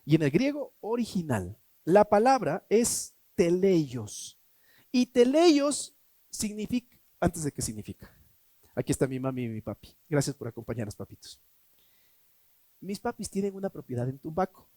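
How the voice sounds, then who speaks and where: A man preaching a sermon as pastor, emphatic, swinging between loud and hushed, asking rhetorical questions. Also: high voice, big pitch swings, normal speed, no echo. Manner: acts out quoted voices in a mocking tone.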